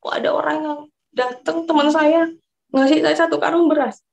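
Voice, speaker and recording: A woman's voice: sits high, steady tone, normal speed, vocal fry, darkish tone, rough recording. A woman from East Java, Indonesia, giving a personal religious testimony, telling her story earnestly and often addressing her listeners as brothers and sisters.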